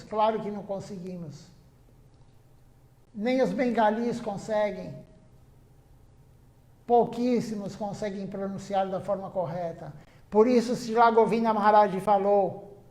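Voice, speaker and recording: A man's voice: sits high, a little mellow, reverberant. A man giving an earnest devotional sermon at a temple, stressing his points by repeating them. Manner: earnest, repetitive emphasis. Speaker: temple speaker. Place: temple hall.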